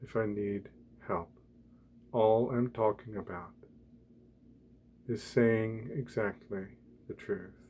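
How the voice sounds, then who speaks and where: A man speaking softly and quietly as if at night, reading and reflecting in halting, deliberate short phrases, ASMR style. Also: on the low side. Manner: quiet, hushed night-time talking. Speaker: blogger reading from own blog. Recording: clear background ambient noise.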